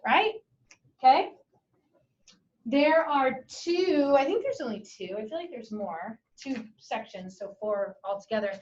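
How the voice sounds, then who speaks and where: This Spanish lesson comes from a distant camera, the classroom sound muffled and carrying a little hiss or hum. The teacher, a woman with a slightly high, animated voice, talks a little slowly, encouraging and chatty, moving back and forth between English and Spanish.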